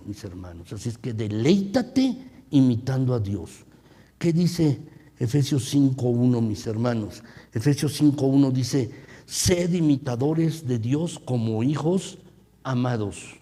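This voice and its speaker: A man's voice: mid-range voice, warm tone, slightly rough. A male pastor preaching a sermon, asking his listeners questions, repeating key phrases and calling them his brothers and sisters. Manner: calls listeners "mis hermanos". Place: church sanctuary. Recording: long church reverb.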